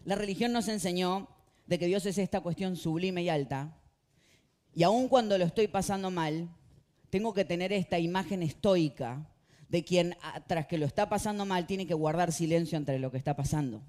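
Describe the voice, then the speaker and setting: Argentine pastor guy preaching, fairly high voice, goes from soft to shouting. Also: normal speed. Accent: Rioplatense Spanish. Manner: impassioned, swings from quiet to shouting. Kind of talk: sermon.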